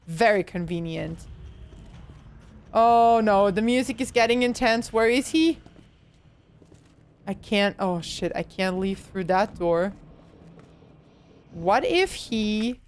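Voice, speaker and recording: A woman's voice: mid-range voice, lively intonation, slow, pauses often. A young woman streaming a horror game, chatting casually, swearing and yelping when startled. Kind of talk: casual live gameplay chatter.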